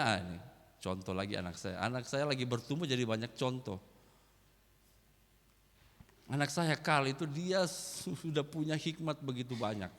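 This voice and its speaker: A man with a Kupang accent preaching a sermon in a church, emphatic and slipping into local slang. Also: medium pitch. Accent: Kupang Malay. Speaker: pastor. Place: church hall. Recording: echoey church hall.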